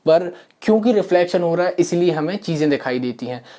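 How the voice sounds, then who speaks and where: A man, teaching a science lesson in a soft voice from a small room, explaining step by step with many fillers and repeats. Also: high voice, lively intonation, a little fast. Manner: soft-spoken. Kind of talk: classroom lesson. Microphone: camera mic.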